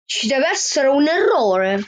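A woman's voice: sits high, big pitch swings, slow, full character voice. A woman voicing a guarded middle-aged housewife answering her door. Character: wary, round-faced middle-aged housewife.

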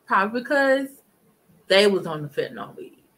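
Bright-voiced woman hosting a live stream. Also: mid-range voice, sing-song, normal speed, rough recording. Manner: emphatic, talks to chat viewers. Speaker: livestream commentary host. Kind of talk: casual live commentary. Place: living room at home. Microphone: webcam at desk distance.

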